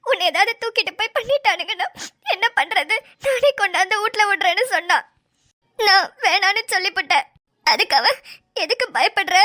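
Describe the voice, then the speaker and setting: A woman's voice: extremely high pitch, bright, forceful tone, exaggerated voice. A woman voicing a tearful young woman in a cartoon, crying as she talks. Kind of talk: cartoon voice acting.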